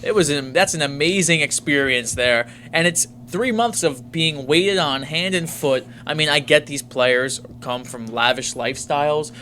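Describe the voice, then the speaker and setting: Male sports podcast host, slightly higher voice, faint hum behind. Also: normal speed, hardly any pauses, pushed and bright. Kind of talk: casual sports chat.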